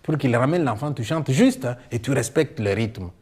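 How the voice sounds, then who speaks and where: A man voicing a wise old village man who gives calm, unhurried advice. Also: medium pitch, breathy edge, voice pushed down. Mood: advising.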